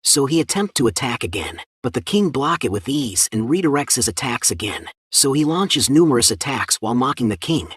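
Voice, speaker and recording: Man, husky voice, dry close sound, steady scripted recap narration. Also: mid-range voice, brisk, few pauses, dry recording.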